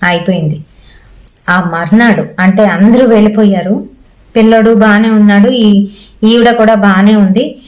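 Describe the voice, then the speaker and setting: Telling a ghost story in a relaxed, conversational manner, a Telugu-accented woman performs the quoted dialogue in her own voice. She speaks in a mid-range, darkish voice with fairly even intonation and a measured pace broken by long pauses, over poor audio.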